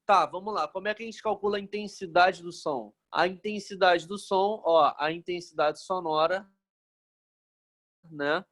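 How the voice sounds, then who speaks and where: A man's voice: sits high, normal speed, a bit bright. A man from Brazil, teaching a physics lesson in a casual, joking way and checking in with the class after nearly every phrase.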